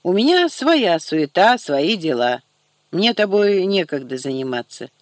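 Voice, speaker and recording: Guy doing a curt slangy tough dude, impatient, kinda high voice. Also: very animated, measured pace, no room sound. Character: brisk gangster-like young man, blunt and busy.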